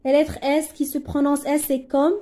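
A young woman with a Moroccan accent leads a French lesson for pupils, slowly repeating each word. Her voice sits a little high but sounds mellow and soft. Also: little pitch movement. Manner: slow, drawn-out repetition of words for pupils, switching into Arabic to translate. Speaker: French teacher. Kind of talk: classroom lesson explanation.

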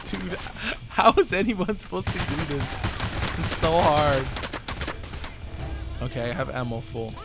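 Young guy gaming w friends, high voice all over the place, sweary, gunfire noise behind him. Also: measured pace, gravelly, long pauses. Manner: excitable, foul-mouthed, joking. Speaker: video game player. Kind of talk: casual co-op gaming chat. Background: video game gunfire.

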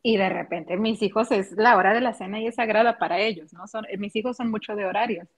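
A woman with a Mexican accent chatting casually, animated, laughing often and acting out what people said. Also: medium pitch, brisk. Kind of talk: casual chat. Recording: dull lo-fi audio.

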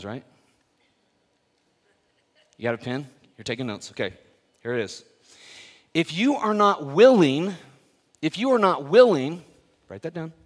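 A middle-aged male pastor delivers a sermon in a slightly high voice. He moves between forceful emphasis and quiet, hushed asides, with easy self-deprecating humor. His voice carries a long reverb from a church sanctuary.

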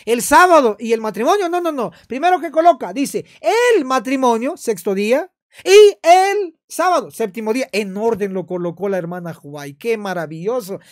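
Emphatic high-voiced man pastor. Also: brisk, hardly any pauses, dry recording, clean studio sound. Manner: emphatic, repeats phrases. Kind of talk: sermon-style video commentary.

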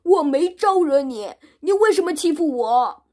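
A woman's voice: medium pitch, lively intonation, moderate pace, mellow, husky. A woman doing a whiny pig demon. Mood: whining. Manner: whining and aggrieved.

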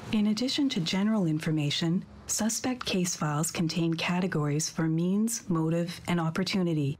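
A tutorial narrator, a woman with a low-leaning, slightly mellow voice, reads scripted instructions for a video game. Her manner is composed, instructional and clearly worded.

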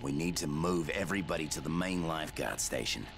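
Gravelly Australian lifeguard leader. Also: male voice, extremely low pitch, expressive, a little fast, loud music behind the voice, full character voice. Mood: earnest. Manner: earnest, pleading for help. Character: gruff male lifeguard, steady survivor leader. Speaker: head lifeguard.

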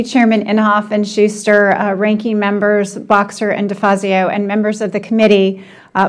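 A woman reads prepared testimony before a congressional committee, speaking at a mid-range pitch. Her delivery is formal, measured and deliberate, every point laid out in order. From United States. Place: congressional hearing room.

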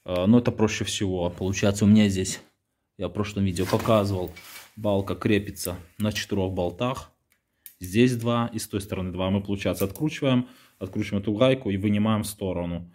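Male home mechanic, somewhat low voice, halting, filler-heavy garage walkthrough. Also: a little mellow. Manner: halting, many fillers and restarts. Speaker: home mechanic showing his build.

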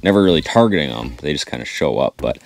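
A man in his thirties vlogging from inside an ice-fishing tent, talking excitedly to viewers while reeling in fish, picked up by an action camera mic. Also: extremely low pitch, quick pace, vocal fry. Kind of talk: excited play-by-play vlog.

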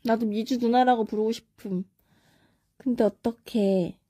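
On a live stream, a young woman chats casually, reading viewer comments aloud and answering quick either-or questions. Her voice is a little high, steady, and mellow, with no echo.

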